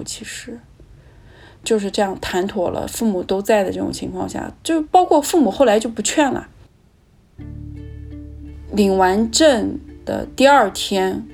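A woman recounting her own life in a candid, reflective way, her mid-pitched voice carrying a gravelly edge. She speaks with feeling as she looks back, and soft music sits faintly behind her. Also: measured pace, pauses often. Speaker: storyteller. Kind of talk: personal storytelling.

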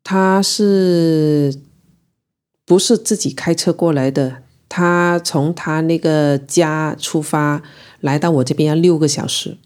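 A woman's voice: deep voice, steady tone, a little mellow. A woman from Guangzhou, reflectively telling her own love story. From Guangzhou, China. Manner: reflective, unhurried and emotional in recounting. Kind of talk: personal storytelling.

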